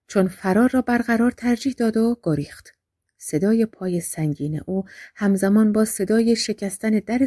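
A woman reading a thriller audiobook in a measured way, often dropping into a hushed whisper. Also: mid-range voice, no room sound, clean studio sound. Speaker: narrator.

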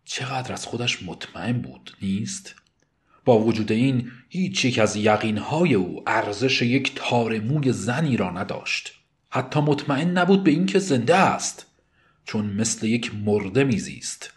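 A man narrating a novel in the first person, in a measured, subdued way. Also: mid-range voice, animated. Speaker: audiobook narrator.

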